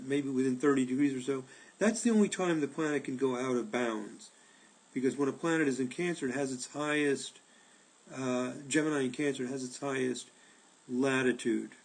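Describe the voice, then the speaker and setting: A man talks through an informal screen-recorded lesson, pitched a touch higher than most men. He rambles, full of fillers and false starts, and his voice sounds a little worn, as though he is losing it. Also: a little mellow, low-quality recording. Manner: rambling, many fillers and restarts. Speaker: astrology teacher.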